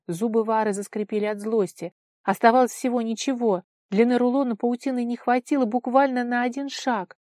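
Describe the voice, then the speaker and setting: A woman narrating a storybook in an even, steady read. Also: medium pitch, no room sound, studio quality. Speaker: audiobook narrator. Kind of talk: scripted narration.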